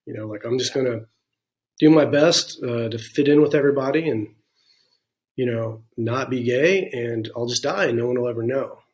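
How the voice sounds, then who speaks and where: A man in his forties speaks as an interview guest, recounting his life in a frank, reflective way. His voice sits in an ordinary middle pitch. He fills his pauses with "um" and "you know" as he thinks aloud. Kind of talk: candid personal storytelling in a conversation.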